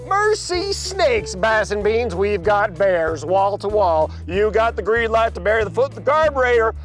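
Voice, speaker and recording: A man voicing a male trucker who talks in CB slang, heard over a CB radio with a slow, sing-song drawl. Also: high voice, big pitch swings, soft background music, voice pushed up. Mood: jokey bravado. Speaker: vlog host.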